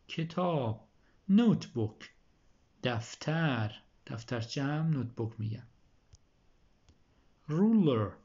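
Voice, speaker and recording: Guy teaching vocab slow and careful, says each word then translates, kinda muffled recording. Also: medium pitch. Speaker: English teacher.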